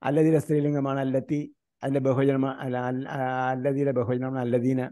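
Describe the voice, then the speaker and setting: An Indian teacher runs an online grammar class, repeatedly quizzing students and reciting grammar terms at a slow pace. He has a dark-toned, mid-range voice with little pitch movement.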